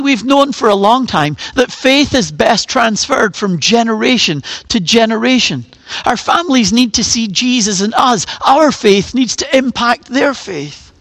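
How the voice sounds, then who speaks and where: A middle-aged man delivers a sermon in a high, earnest voice. He leans on rhetorical questions as he addresses his congregation. The sound is dry and close, with no room around it. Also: fairly bright tone, no echo. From Northern Ireland. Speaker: pastor.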